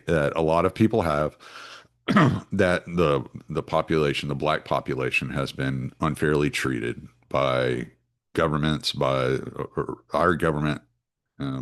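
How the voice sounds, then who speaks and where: A man, hosting a solo podcast in a rambling, casual way full of restarts and fillers. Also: very deep voice. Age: 40s. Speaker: podcast host.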